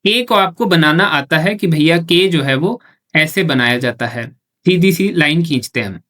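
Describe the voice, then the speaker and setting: A man's voice: a little high, animated, moderate pace, a bit bright. A man teaching a shorthand lesson step by step, asking himself questions and answering them, and repeating each point patiently. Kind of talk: step-by-step classroom explanation.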